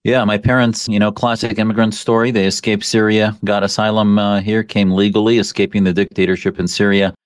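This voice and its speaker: A man from the American Midwest, a physician guest on a radio interview, speaking in a measured way with frequent pauses. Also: lowish voice, flat delivery, dry recording. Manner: measured, many uh fillers.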